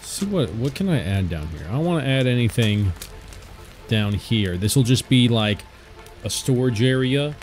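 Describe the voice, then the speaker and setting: A gaming channel host offers casual commentary as he plays, chatting with himself and his viewers at a moderate pace and getting loud and high-pitched when excited. Game music and rain can be heard behind him.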